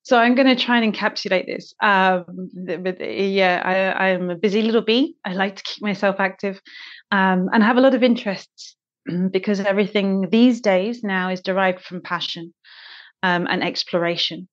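A woman's voice: mid-range voice, normal speed. Slightly dull-sounding woman chatting as guest. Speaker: podcast guest. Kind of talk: casual interview chat.

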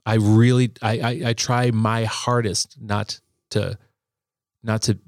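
A man in a casual faith conversation, speaking reflectively with frequent halting restarts. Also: fairly low pitch, flat delivery, no room sound, clean studio sound.

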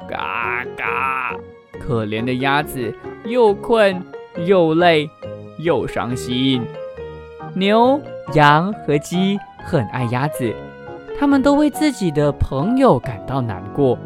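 Lively male storyteller over music. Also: fairly high pitch, slow. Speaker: podcast host and storyteller. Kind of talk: reading a picture book aloud. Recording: music bed under voice. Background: background music.

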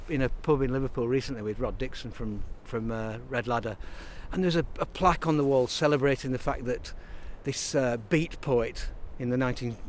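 With a little hiss or hum in the audio, a mid-range male voice comes through: a writer and songwriter from Burnley, Lancashire, England. As a guest in a casual interview, he rambles thoughtfully and keeps restarting his thoughts.

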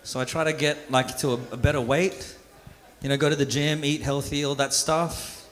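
A young man with a fairly high, steady voice talks at a normal speed into a stage mic during a live stand-up set. Originally from the Philippines and raised in Australia, he's self-deprecating and loose, stumbling and restarting as he performs for an audience at a live venue.

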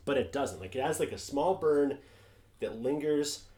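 A man co-hosts in relaxed, rambling chat, peppered with fillers and swearing. His voice sits at a middle pitch. The room around him is noticeably echoey. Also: normal speed. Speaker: podcast co-host. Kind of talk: casual chat.

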